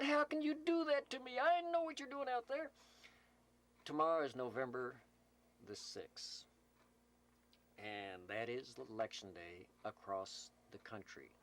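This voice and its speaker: The host of this community CB roll call in Slab City, California's desert camp, has a mid-range, slightly bright male voice. He is filmed at the CB radio microphone, making folksy, improvised announcements that ramble, joke and tease.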